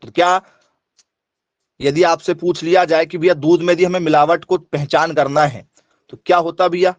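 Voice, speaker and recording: A man's voice: on the high side, dry recording, lo-fi sound. A middle-aged man from northern India teaching an exam coaching lesson, who asks the students questions, answers them himself and keeps repeating the key points.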